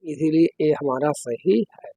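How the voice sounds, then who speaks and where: A man's voice: on the high side, measured pace, mellow, slightly rough, dry recording, low-quality recording. A man teaching an exam-prep lesson, working through quiz questions step by step and putting questions to the listener.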